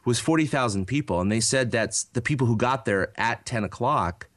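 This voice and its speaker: A man in his thirties tells a long rambling story in a casual podcast chat, his pitch swinging up and down as he goes. He stumbles through fillers and restarts. The sound is close and dry, with no room around it. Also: expressive, moderate pace, fairly bright tone, dry recording. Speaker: podcast co-host.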